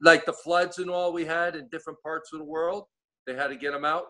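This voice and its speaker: A man's voice: fairly high pitch, fairly even intonation, brisk, sharp tone. A man with an East Coast American accent, chatting casually as a guest and rambling through many restarts. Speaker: guest giving updates. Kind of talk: casual chat.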